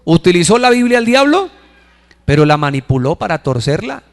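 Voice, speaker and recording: Male pastor, sermon, higher-pitched voice, reverberant church hall. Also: very animated. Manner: preaching with rhetorical questions, slowing to stress scripture.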